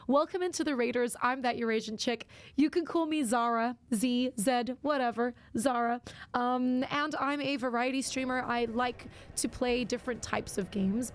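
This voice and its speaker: Her voice a bit tired, a young variety streamer rambles through casual livestream chat while she plays a game, using plenty of fillers. She speaks at a normal speed in a slightly high voice, with no echo.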